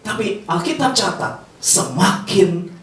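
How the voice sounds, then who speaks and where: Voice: mid-range voice, takes it slowly. A pastor preaching a sermon, drawing the congregation into call-and-response and teasing them playfully with frequent laughter. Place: large hall with a congregation. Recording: roomy hall, distant mic, faint noise.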